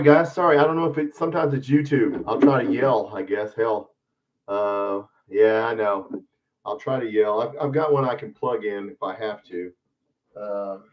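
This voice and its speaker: A man hosting a live stream, chatting casually through a headset mic that makes him sound hollow, as if in a tunnel. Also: mid-range voice. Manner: rambling, troubleshooting aloud. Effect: hollow echoing tunnel sound from a faulty mic. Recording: muffled, distant, dull headset audio.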